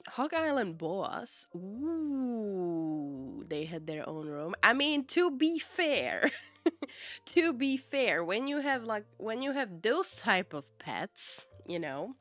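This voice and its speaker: A Czech-speaking woman casually chats with viewers on her live stream, drawling and unhurried, rambling with plenty of fillers and frequent laughter. Soft music plays faintly in the background. Her mid-range voice moves through big pitch swings at a slow pace.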